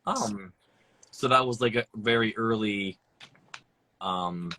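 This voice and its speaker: A man interviewing a musician for a record label, asking loose, halting questions in casual chat. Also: fairly low pitch, pushed and bright.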